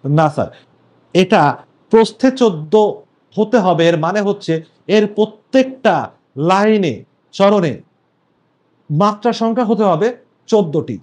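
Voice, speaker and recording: A man's voice: high voice, lively intonation, takes it slowly, long pauses, darkish tone. A young man teaches a class on poetic meter. He breaks each idea into small steps and repeats key points for his students. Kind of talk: classroom lecture on poetry meter.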